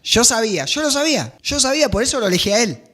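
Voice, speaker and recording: A man with a Rioplatense Spanish accent, commentating excitedly on music clips, swearing and singing along. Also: very high voice, fast talker. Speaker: reaction video host. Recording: music clips playing behind.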